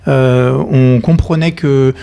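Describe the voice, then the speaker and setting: A man in his thirties speaks at a middle pitch with a gravelly, creaky edge. He is a podcast guest who answers in a relaxed, casual way. He hesitates often, with fillers and restarts. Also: slow pace. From France, Nantes. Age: 30s. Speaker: guest, company cofounder.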